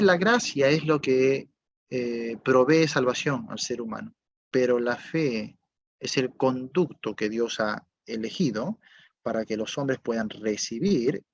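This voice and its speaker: A medium-pitched man preaches a sermon, posing rhetorical questions and using tag checks to confirm his listeners are following. He shifts between loud and quiet passages, and the recording is dry, dull and lo-fi.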